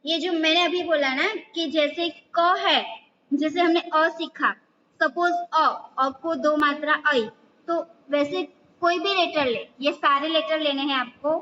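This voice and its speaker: A woman teacher leads a lesson at an unhurried pace, repeating each letter sound patiently for young pupils. Her voice sits high, and the recording is a little muffled with a faint hiss behind it. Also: steady tone, bright, forceful tone, in a large hall. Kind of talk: online class lesson.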